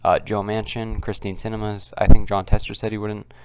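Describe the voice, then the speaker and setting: A man hosting a casual, unscripted commentary video, keeping his voice quiet and subdued and talking in a halting, repetitive way. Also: on the low side, little pitch movement, clean tone, no room sound, low-quality recording. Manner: kept quiet, subdued because others are nearby. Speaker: political commentary video host. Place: at home, others nearby.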